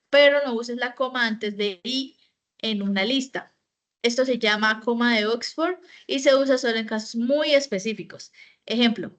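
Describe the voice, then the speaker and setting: A woman's voice: on the high side, a bit bright. A woman giving an online training session, explaining step by step with fillers and self-corrections.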